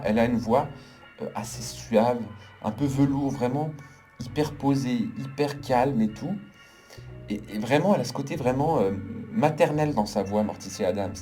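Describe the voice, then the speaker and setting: A man talks through a casual movie review with strong, emphatic opinions, stacking intensifier on intensifier. His voice is mellow and on the dark side, at an ordinary male pitch. Soft music runs faintly in the background. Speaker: film critic. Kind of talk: casual video film review.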